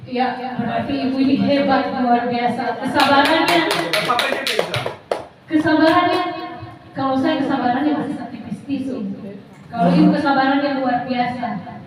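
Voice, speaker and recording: A woman leads a workshop for teachers and speaks in an encouraging, praising way. Her voice is high. She sounds distant and dull in a very echoey room, with faint noise behind her. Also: level tone, a little fast. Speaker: workshop facilitator. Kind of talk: addressing a group of teachers.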